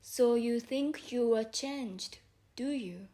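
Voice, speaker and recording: A woman voicing a stern, contemptuous caterpillar in a storybook reading, speaking curtly with drawn-out emphasis. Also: on the high side, mellow. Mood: commanding. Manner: curt, slow, drawn-out emphatic delivery.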